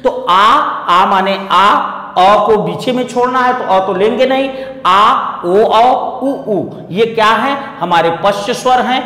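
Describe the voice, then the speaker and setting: A man with a high, sharp-toned voice speaks slowly while coaching an online exam class. He walks through material step by step, repeats memory rhymes, and questions his students, all under echoey classroom reverb.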